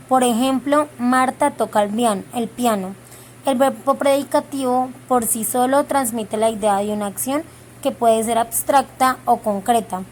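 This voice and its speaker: A woman's voice: a little high, darkish tone, a little hiss or hum. A woman explaining verb types in a lesson, careful and with small restarts on words.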